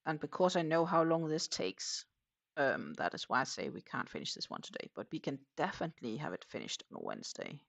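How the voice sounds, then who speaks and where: This host, from Denmark and speaking with a Danish accent, crochets on a livestream while casually answering comments from viewers. The mid-range voice is sing-song, fairly quick, creaky and a touch bright, in a dry recording. Lots of fillers and unfinished sentences come through as the host thinks aloud.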